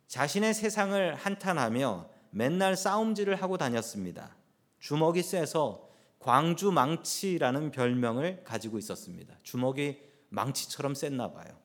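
A man who is a pastor, preaching a sermon and telling a story with rising and falling emphasis. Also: fairly high pitch.

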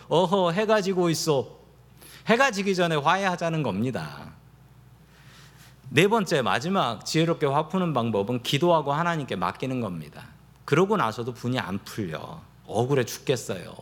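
Lively, animated male pastor preaching. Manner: lively preaching, acts out quoted lines in a lower voice; asks the congregation questions. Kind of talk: sermon.

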